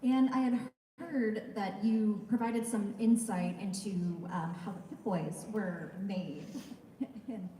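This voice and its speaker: A woman interviewer putting measured questions to a guest at a fan convention. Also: medium pitch, dark tone, slight background noise. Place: large convention hall. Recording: roomy hall sound, mic from far off, faint crowd ambience.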